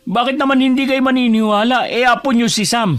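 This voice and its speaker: Defensive dad who argues back, pretty high voice, music behind. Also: male voice, fairly quick, a bit bright. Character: defensive young father, brother-in-law. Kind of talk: Filipino radio-style horror drama acting.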